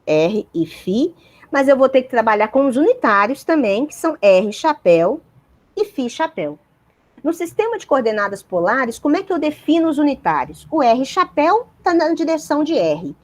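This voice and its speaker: Lively woman physics lecturer. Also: high voice. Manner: keeps checking in with students, explanatory. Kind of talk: university lecture.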